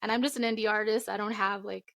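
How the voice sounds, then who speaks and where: A woman's voice: medium pitch, fairly even intonation, quick pace, gravelly, fairly bright tone, no echo, studio quality. A young woman from the Philippines, raised in Florida, answering interview questions earnestly with frequent ums. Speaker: indie singer-songwriter guest.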